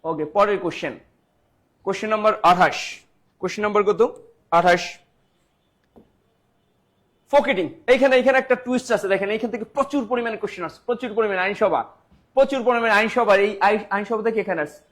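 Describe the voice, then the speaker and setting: A high-pitched man runs a live online exam-prep class. He fires questions at viewers, repeats each answer several times and calls out commenters by name. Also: brisk, long pauses, a bit bright. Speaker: teacher.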